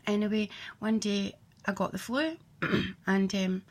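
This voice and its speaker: A woman's voice: mid-range voice, slow. A woman telling her own life story in a blunt, candid way, swearing freely and acting out what others said. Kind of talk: personal storytelling.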